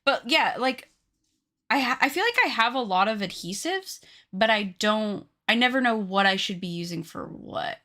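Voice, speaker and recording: While crafting live, a woman in her late twenties chats casually with viewers, joking with the chat and putting herself down for laughs. She speaks at a moderate pace in an animated, higher-leaning voice that sounds pushed and bright.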